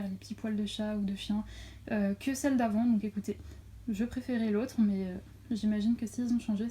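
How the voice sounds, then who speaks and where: A woman's voice: a little high, mellow. Chatty young woman unboxing at home. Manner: chatty, lots of fillers and self-corrections. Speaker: crafts vlogger. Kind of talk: casual unboxing chat. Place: at home near a window. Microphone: phone camera.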